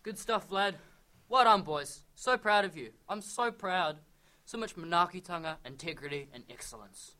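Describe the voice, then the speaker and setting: A woman's voice: fairly low pitch, moderate pace, pushed and bright, voice pushed down. A woman playing a male schoolteacher who fusses with praise and turns cold and threatening. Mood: proud. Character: male schoolteacher, proud then secretly villainous.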